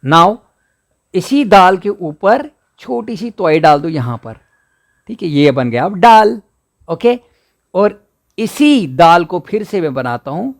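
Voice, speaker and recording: Slow sing-song Kashmiri male teacher. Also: on the high side. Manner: mixes English words into Hindi. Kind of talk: alphabet lesson for children.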